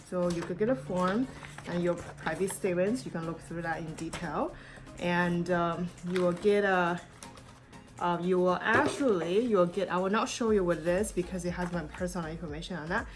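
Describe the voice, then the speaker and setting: Chatty woman vlogger with a lowish voice. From born in China, raised in the United States. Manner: chatty, meandering, many ums and restarts. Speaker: YouTube vlogger. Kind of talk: casual product review vlog.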